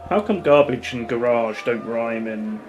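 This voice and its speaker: A man's voice: medium pitch, a little slow, slight background noise. A man who streams games, talking casually to his live chat and off the cuff.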